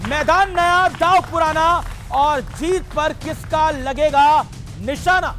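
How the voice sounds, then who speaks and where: A man's voice: very high voice, takes it slowly, music in the background, a crowd in the background. A male news anchor opening a debate show in a dramatic, emphatic, rhetorical style.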